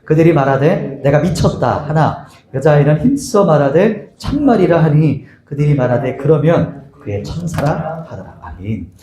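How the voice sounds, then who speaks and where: A lively male pastor with a fairly high pitch delivers an expository sermon in a church sanctuary, his voice echoing around the room. He asks the congregation many rhetorical questions and acts out the scene using different voices.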